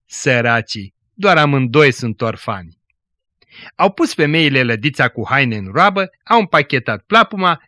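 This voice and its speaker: A man's voice: medium pitch, sharp tone, no echo, clean studio sound. A man preaching a devotional radio sermon, telling a story and exhorting his listeners in an earnest way.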